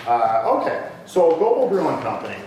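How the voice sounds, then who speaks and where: A man's voice: on the high side, sing-song, moderate pace, a little mellow, far from the mic. A man giving a casual, joking public lecture, chatting with the audience. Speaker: lecturer on local brewing history. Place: lecture room with a live audience. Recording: echoey room, voice from off mic, faint hiss.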